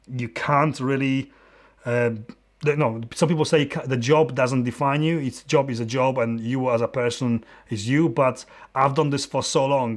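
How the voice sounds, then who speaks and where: Speaking from a dim home studio in Poland, a man in his forties with a Polish accent and a mid-range voice chats with viewers during a live-stream Q&A. This photographer and YouTuber is warm and open, though his answers stop and start, full of fillers and restarted sentences.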